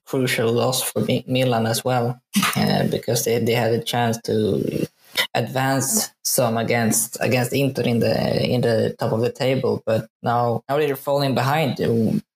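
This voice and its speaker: A man's voice: medium pitch, level tone, measured pace, vocal fry, a little hiss or hum, low-quality recording. A man from Sweden, a journalist guest on a football podcast, speaking hesitantly with many fillers. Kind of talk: casual football podcast talk.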